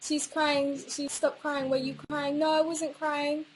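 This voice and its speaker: A woman's voice: sits high, level tone, measured pace, rough recording. A young woman chatting casually on a livestream, reading out viewer quotes in a rambling, hesitant way.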